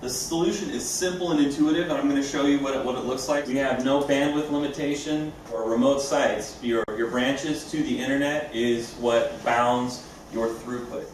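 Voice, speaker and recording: A man's voice: medium pitch, steady tone, normal speed, few pauses. A man giving an informal, explanatory live product demo as a company presenter. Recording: echoey room, distant mic, clear background noise.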